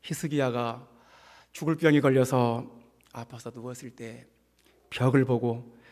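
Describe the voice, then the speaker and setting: A man preaching a Sunday sermon as pastor, impassioned, swelling in pitch and volume as he drives points home. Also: big-room sound. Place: church sanctuary.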